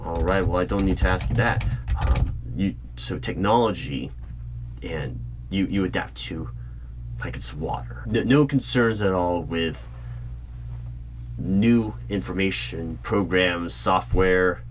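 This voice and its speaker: Keyboard typing can be heard behind a man acting as a job interviewer in a spoken ASMR roleplay. He sounds businesslike and low-pitched, asking polite, probing questions in measured phrases with deliberate pauses, though the audio quality is poor.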